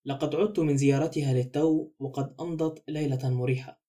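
A fussy middle-aged detective, measured and probing, speaks briskly in a warm, mellow tone, as a man reads him in a storybook. His delivery is reflective and unhurried in thought, though the words come quickly. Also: mid-range voice, fairly even intonation, lightly acted. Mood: calm, probing.

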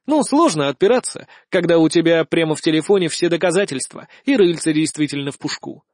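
A man narrating a first-person audiobook in a lively, ironic storytelling manner. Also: fairly high pitch, fairly quick, no room sound, studio quality.

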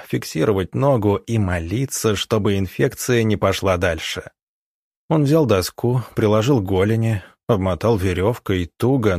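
A male audiobook narrator with a lowish voice, reading in a steady, even way. The recording is dry and close, with no room sound. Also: no echo. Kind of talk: scripted narration.

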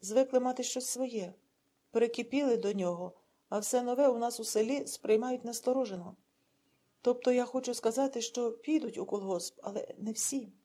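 A woman's voice: fairly high pitch, normal speed, mellow, natural voice. A woman voicing a restless, eager male village communist and war veteran who answers in a hurry. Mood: earnest.

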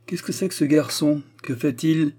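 A man's voice: fairly high pitch, moderate pace, dark tone, pitched above the performer's own voice, lightly acted. A man voicing a spirited young independent woman in an audiobook, impulsive and earnest. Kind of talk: audiobook character reading.

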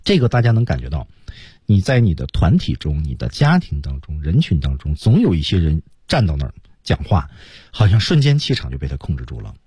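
Husky man teaching English on the radio. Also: a bass voice, huge pitch swings, a little fast, warm tone, no room sound, clean studio sound. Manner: explains pronunciation step by step.

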